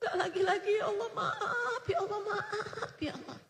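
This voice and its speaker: A woman's voice: very high-pitched, moderate pace, a bit bright, voice pushed up. A woman acting out an elderly male cleric who weeps and pleads in repentance, sobbing as he repeats himself. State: crying. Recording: reverberant hall.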